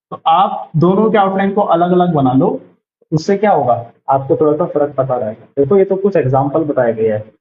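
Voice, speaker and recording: Man, shorthand teacher, high voice, patient step-by-step explaining, dull roomy sound. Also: slight background noise. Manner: explains patiently, repeating each word as he writes it. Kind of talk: online lesson.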